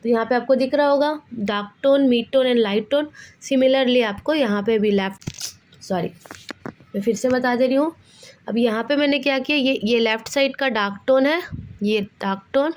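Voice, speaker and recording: Woman art teacher, fairly high voice, patient step-by-step tutorial delivery. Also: moderate pace, darkish tone. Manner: patient, addresses viewers as children. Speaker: drawing teacher. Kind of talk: tutorial instruction.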